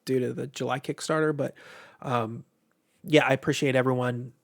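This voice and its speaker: Steady in tone and moderate in pace, a mid-range-voiced man from Ohio, US, hosts a game publisher's casual livestream with an American accent. He rambles, swears mildly, and sounds congested with allergies, his voice growing tired.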